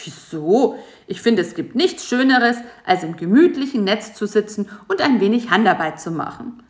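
A woman's voice: mid-range voice, expressive, normal speed, pitched above the performer's own voice, close to an everyday voice. A grumpy homebody spider, grumbling and snapping at his pesky guest, as a woman acts him out. The voice sits somewhat raised and firm. It sounds echoey, like a reading in a bare room. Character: grumpy lazy male spider, stay-at-home. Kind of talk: storybook voice acting.

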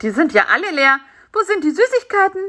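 A woman voicing a cheeky, nosy and bossy male fly in a children's story, talking in an excited, scolding way. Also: extremely high pitch, fairly quick, pitched above the performer's own voice, exaggerated voice. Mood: eager.

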